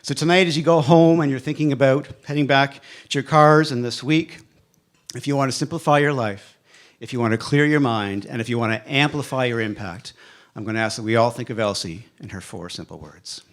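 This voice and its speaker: A man of fifty giving a motivational speech to a live audience, emphatic, with a repeated refrain and dramatic pauses. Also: mid-range voice. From Canada. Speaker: speaker at a live evening event.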